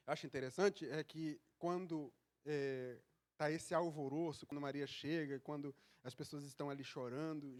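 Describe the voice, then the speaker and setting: A male pastor preaching a sermon, telling a personal story in a loose, conversational way that builds into fervent, loud preaching. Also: on the high side.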